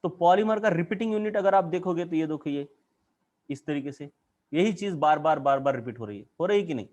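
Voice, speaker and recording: Male chemistry teacher, Indian accent, slightly high-pitched, keeps quizzing the class. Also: lively intonation, a little fast, darkish tone. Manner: questions the class constantly, explains at a board. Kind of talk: classroom lecture.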